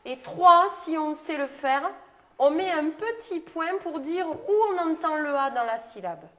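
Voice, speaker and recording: A woman's voice: high-pitched, animated, a little slow. A woman teaching young children in class, speaking patiently, prompting with questions and repeating their answers back. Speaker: primary school teacher.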